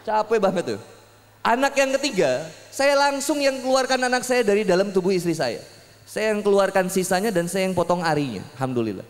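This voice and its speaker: Young preacher in a reverberant hall. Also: male voice, sits high, fairly quick. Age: young adult. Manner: lively, joking storytelling with voiced asides. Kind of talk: sermon. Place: public hall gathering.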